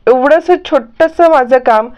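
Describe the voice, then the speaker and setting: A woman's voice: high-pitched, measured pace, clean tone, voice pushed up. A woman voicing an anxious young man who keeps asking after a missing friend, in a muffled lo-fi recording. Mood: concerned. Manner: anxious questioning. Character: young man, worried about a woman who has not come out.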